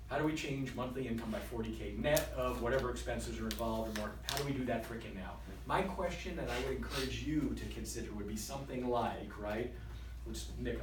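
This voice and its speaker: A middle-aged man who is a business coach giving an emphatic, blunt seminar talk and often checking in with "right?" and "okay?". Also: medium pitch. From Queens, New York. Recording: roomy distant mic with background noise.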